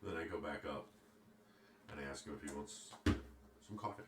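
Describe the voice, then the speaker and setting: A man's voice: rumbling low, normal speed. A man playing a tabletop game, stating his character's actions briefly and matter-of-factly. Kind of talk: casual in-game chat. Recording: echoey room.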